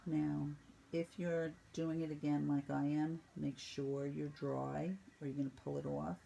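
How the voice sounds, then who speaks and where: A woman painting instructor walking students through each brush stroke in a brisk, teasing teaching manner. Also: low-pitched, flat delivery, creaky, warm tone, slight background noise, low-quality recording. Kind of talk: step-by-step painting lesson.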